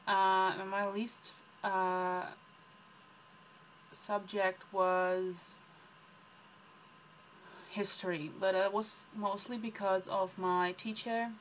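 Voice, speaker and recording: Speaking in a lowish voice over slight background noise, a young woman from the Netherlands answers book vlog tag questions casually, with a Dutch accent, frequent ums and meandering asides. The recording is rough.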